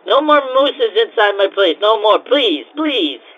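Guy doing a high-voiced, frazzled cocoa shop owner, keeps repeating himself, dull lo-fi sound. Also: sing-song, unhurried. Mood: ranting. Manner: exasperated, repeats himself, broken grammar. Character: flustered male cocoa-house owner, frantic, put-upon.

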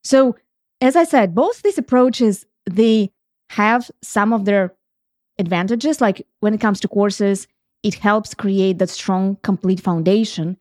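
Speaking slowly in a medium-pitched voice with a darkish tone, a middle-aged woman from Ukraine hosts a reflective solo podcast. The sound is clean studio audio with no room sound, and her manner is earnest and explanatory as she thinks aloud with restarts.

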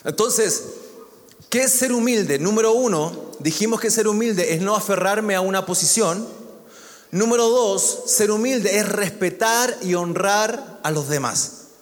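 A man's voice: high voice, a little slow, in a large hall. A man preaching a sermon, conversational and joking, with asides to the congregation. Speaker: pastor.

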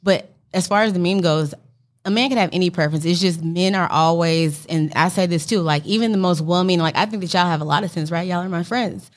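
A woman's voice: lowish voice, fairly quick. A woman with a St. Louis accent giving her opinions in casual conversation, frank and slangy. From St. Louis, United States.

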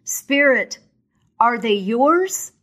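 A woman's voice: on the high side, expressive, very slow, a bit bright, voice pushed up, heavily acted. A woman voicing Scrooge, an anxious old miser, asking startled, pleading questions in a storybook reading.

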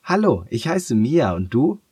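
A man with a husky voice voicing a cheerful, kind young girl who wears leg braces, in a storybook reading. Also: mid-range voice, big pitch swings, unhurried, dry recording, clean studio sound, pitched above the performer's own voice. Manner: bright, coaxing storybook girl voice.

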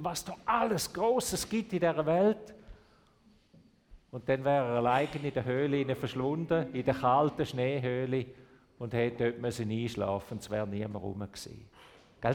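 A male pastor preaches a family sermon in a church. His voice sits somewhat high for a man and rings out with long reverb. He tells a story with lively swings and sinks to a gentle hush on tender words. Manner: animated storytelling, dropping to a soft hush for tender phrases; asks the congregation questions.

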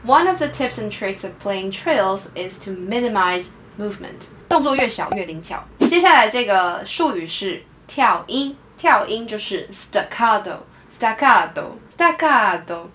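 A woman from Taiwan with a Taiwanese Mandarin accent, an English teacher giving a podcast lesson. She explains things clearly and switches into English for example phrases. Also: mid-range voice, a bit bright.

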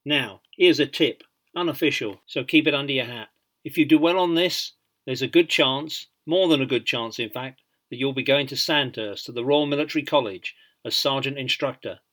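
A man voicing a male army sergeant major who gives brisk, confidential advice. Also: mid-range voice, a bit bright, lightly acted. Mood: confiding.

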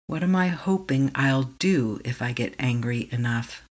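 This is a calm, slow meditation guide at medium pitch, running a tapping session. Short affirmations are spoken so the listener can echo each one.

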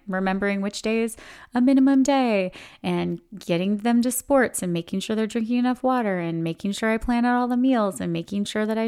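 Femme au timbre net et grave. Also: female voice, lowish voice, clear, resonant tone. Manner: chatty, candid, many "like" and "you know" fillers. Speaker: podcast host. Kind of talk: casual reflective monologue.

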